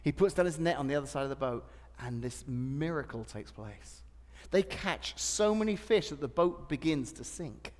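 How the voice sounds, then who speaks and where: A middle-aged male pastor preaching a sermon, animated and storytelling with repetitions and humor. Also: on the high side, moderate pace, big-room sound.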